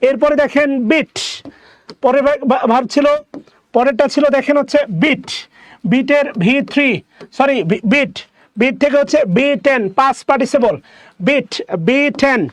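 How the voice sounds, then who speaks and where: A man teaching a grammar lesson, explaining answers and repeating each word slowly for his students. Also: extremely high pitch, steady tone, no room sound.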